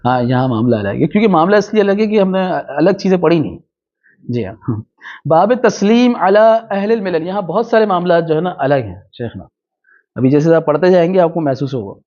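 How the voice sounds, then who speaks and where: A man teaching a religious lesson. He reads Arabic passages slowly, then explains them with quick asides and rhetorical questions. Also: fairly high pitch, sing-song, darkish tone. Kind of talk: hadith lecture, reading Arabic text and explaining it. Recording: dull lo-fi recording.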